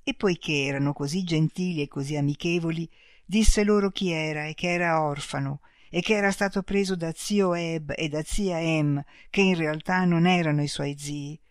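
Audiobook narrator, calm, measured, mid pitch, dry studio sound. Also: dry recording. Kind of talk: audiobook reading.

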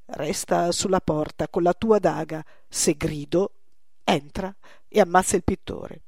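A woman's voice: fairly low pitch, unhurried, darkish tone, no echo, studio quality. A woman voicing a young woman in love, earnest and spirited. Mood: torn. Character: young woman, proud and devoted lover.

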